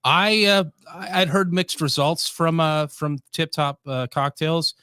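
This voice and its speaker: A man co-hosting a casual podcast chat, talking in an easygoing, halting way. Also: fairly high pitch, bright, forceful tone, clear, resonant tone, no room sound, studio quality. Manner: easygoing, halting with fillers and restarts. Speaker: podcast co-host.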